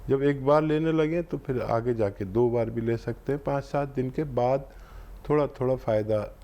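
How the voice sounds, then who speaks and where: A man hosting a phone-in health show, calmly and reassuringly explaining herbal remedies to callers step by step. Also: medium pitch, normal speed. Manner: calm, reassuring, instructive.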